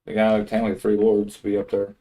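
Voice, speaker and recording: A man's voice: on the low side, completely flat delivery, fast talker, dark tone. A man chatting casually as a player at a tabletop game.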